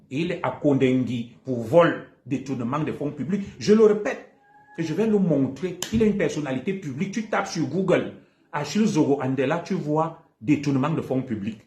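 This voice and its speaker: A combative man with a Cameroonian French accent rants through a live stream, repeating his points with heavy emphasis. His fairly high voice swings widely in pitch. The room around him sounds echoey. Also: a little mellow, slight background noise. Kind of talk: heated livestream monologue.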